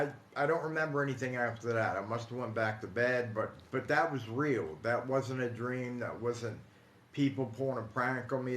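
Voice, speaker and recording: Casually telling personal stories to live-stream viewers, an Ohio man in his forties with an American accent speaks at medium pitch with a fairly bright tone. He hosts a paranormal storytelling stream and is halting and conversational, repeating himself. The recording is echoey, with light background noise.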